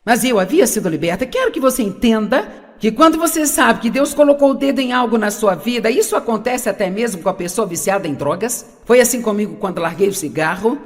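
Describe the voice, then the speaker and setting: A woman's voice: on the high side, lively intonation, fairly quick, big-room sound. A woman preaching a sermon, asking the audience questions and repeating her key points.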